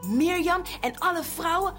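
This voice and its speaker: A woman narrating a Bible story for children, switching between hushed whispers and lively character voices. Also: very high voice, normal speed, faint music behind.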